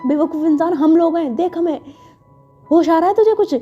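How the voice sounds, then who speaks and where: A woman's voice: very high-pitched, moderate pace, pitched above the performer's own voice. A woman voicing a bossy, worried young woman who pleads and scolds her friend. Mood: exasperated. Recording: dull lo-fi with faint music.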